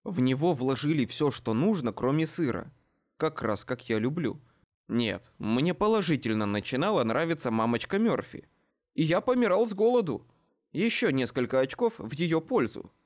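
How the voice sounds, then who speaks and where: A man narrates an audiobook in the first person, wry and expressive. His voice sits fairly high and moves a great deal. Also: moderate pace.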